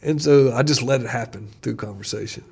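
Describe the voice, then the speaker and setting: Gravelly-voiced pastor telling stories. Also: male voice, mid-range voice, a little fast. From United States. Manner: animated when retelling dialogue, laughs often. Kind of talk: casual conversation, storytelling.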